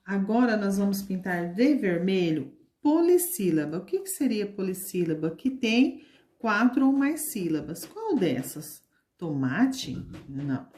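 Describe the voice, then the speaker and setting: Patient Brazilian teacher woman, mellow and echoey. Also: medium pitch. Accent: Brazilian Portuguese. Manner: slow, patient, drawn-out word demonstrations. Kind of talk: recorded lesson for young children.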